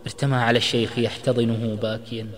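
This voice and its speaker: Man narrating a dramatic story, earnest and expressive, medium voice, lots of echoey reverb. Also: medium pitch, quick pace. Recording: echoey recording with long reverb.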